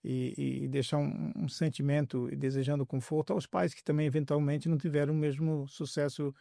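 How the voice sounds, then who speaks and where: Gravelly podcast host. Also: male voice, a little high, little pitch movement, a little fast, dry recording, clean studio sound. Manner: warm, hesitant questioning with many fillers. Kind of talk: podcast interview.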